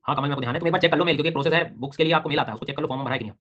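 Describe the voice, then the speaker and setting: A man runs an online geography class, talking very fast and calling on students by name. His comes through as he explains and questions them. The recording is dull and lo-fi. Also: a little high, a bit bright. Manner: brisk, quizzing students by name. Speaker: teacher.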